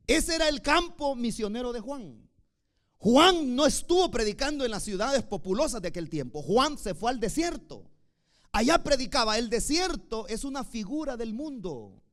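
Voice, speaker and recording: Un predicador de voz aguda y muy expresiva que sube y baja el tono con gran movimiento. Alterna proclamaciones fuertes con comentarios casi en voz baja, en un sermón apasionado. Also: male voice, high voice. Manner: emphatic, swings between loud declarations and soft asides. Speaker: preacher. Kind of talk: sermon.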